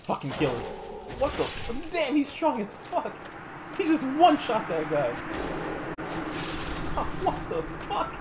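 A woman streamer giving live gameplay commentary, swearing constantly, laughing and yelling at the game. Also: sits high, unhurried, long pauses. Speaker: gaming streamer. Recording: steady background noise.

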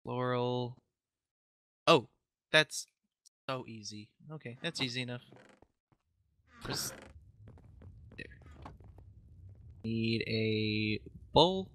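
A man's voice: mid-range voice, extremely slow, pauses often, sharp tone. A man co-hosting a casual co-op game session, teasing his partner and giggling while he crafts. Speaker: co-host gamer. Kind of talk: casual co-op gameplay chat.

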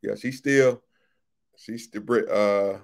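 A man's voice: fairly low pitch, fairly even intonation, slow, vocal fry. A man who is a pastor, hosting a casual livestream chat, reading out viewer comments and greeting people by name, often repeating his phrases.

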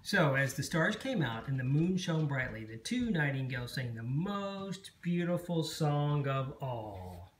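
A parent reading a picture book aloud at bedtime, slow and expressive. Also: medium pitch, a little hiss or hum.

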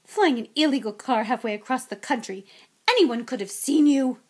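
A woman voicing a bossy mother witch in an audiobook, sharp and exclaiming, scolding and fussing fondly. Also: sits high, lively intonation, moderate pace, husky, voice pushed up. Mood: fretful reproach. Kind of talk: audiobook character acting.

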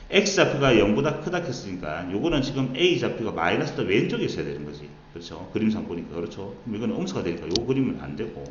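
A man tutoring math at a board, explaining each step slowly and checking often whether students follow. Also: lowish voice, echoey room, dull audio, a little hiss or hum. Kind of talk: whiteboard math lesson.

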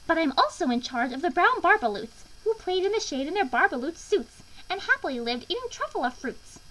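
A woman voicing an indignant, querulous old creature who speaks for the trees in a storybook, croaky and scolding in rhyme. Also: very high voice, animated, moderate pace, fairly bright tone, pitched above the performer's own voice, poor audio. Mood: indignant, pleading. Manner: scolding, pleading, theatrical rhyming delivery.

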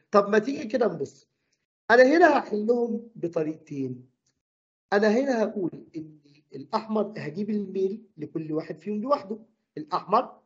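A man with an Egyptian Arabic accent teaching a physics lesson, quizzing the class with quick questions. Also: sits high, dull audio.

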